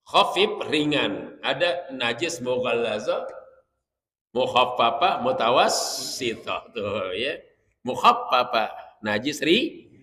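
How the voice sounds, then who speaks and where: Joking religious teacher, reverberant. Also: male voice, medium pitch, bright, forceful tone. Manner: jokey, chatty, explains Arabic terms. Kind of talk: religious study lecture. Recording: long hall reverb.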